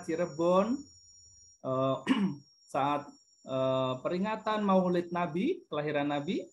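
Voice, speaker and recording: Man teaching children, patient and singsong. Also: fairly high pitch. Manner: patient, sings and hums example tunes. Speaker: guest teacher. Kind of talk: online class lecture to children.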